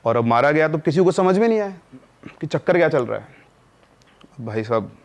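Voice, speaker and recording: A man's voice: a little high, lively intonation, a little fast. A man casually telling a spoken horror story, conversational, with fillers and self-corrections.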